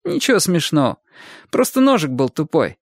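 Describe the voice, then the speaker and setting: A man's voice: on the high side, very animated, normal speed, creaky, no echo, studio quality, voice pushed up, full character voice. A man reading an audiobook voices a proud schoolboy who answers in a stiff, guarded way. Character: proud touchy schoolboy, trying to look calm.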